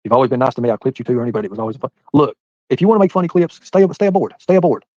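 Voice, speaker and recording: Reading his chat aloud, a streamer in his forties rambles quickly and casually, speaking to viewers one by one by name. His voice is at an ordinary pitch with a darkish tone and lively intonation. The recording is dry and a little dull, like lo-fi stream audio.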